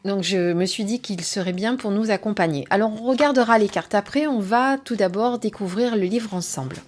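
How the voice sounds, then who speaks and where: A woman presenting and reviewing an oracle card deck in a casual, hesitant way, with frequent fillers and soft whispered asides, reading some passages aloud. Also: medium pitch, fairly quick.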